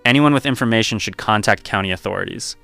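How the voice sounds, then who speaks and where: A man voicing a calm radio announcer. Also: fairly low pitch, quick pace, vocal fry, soft background music. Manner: calm, official bulletin reading. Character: calm, flat-toned male radio announcer.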